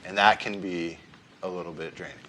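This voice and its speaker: An easygoing male session drummer, interviewed in a studio. His voice sits fairly low, with a faint hiss under the recording. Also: steady tone, fairly quick, pushed and bright, poor audio. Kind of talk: casual interview.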